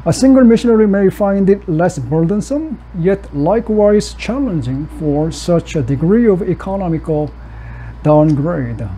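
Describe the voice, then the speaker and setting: Man, high dark voice. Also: animated, slight background noise, poor audio. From South Korea. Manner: measured, reads prepared text with occasional restarts. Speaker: missiologist lecturer. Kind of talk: academic conference presentation.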